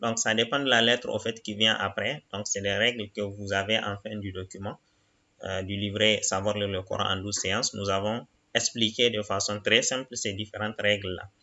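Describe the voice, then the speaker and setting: A man's voice: little pitch movement, normal speed, muffled recording. A man teaching a reading lesson, patiently sounding out syllables one by one and explaining each rule step by step. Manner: calls out syllables louder and higher than his explanations.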